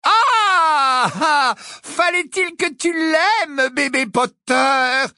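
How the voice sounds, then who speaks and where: A reader voicing a cruel, gloating witch who taunts and shouts in an audiobook. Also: high-pitched, very slow, no room sound, studio quality, pitched above the performer's own voice, heavily acted. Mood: mocking baby talk. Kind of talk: audiobook character voice.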